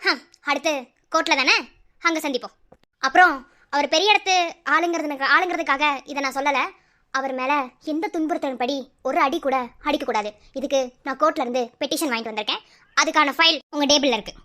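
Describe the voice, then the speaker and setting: A woman voicing a calm, confident woman lawyer who speaks with cool, measured reassurance in a Madurai Tamil accent. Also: high-pitched. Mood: calm firm.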